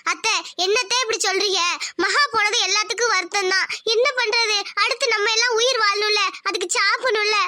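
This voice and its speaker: A caring young daughter-in-law from a cartoon drama, voiced by a woman, gently coaxing her grieving family. The voice is very high and bright. The recording is dry. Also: fairly even intonation, brisk, dry recording. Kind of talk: Tamil cartoon drama voice acting.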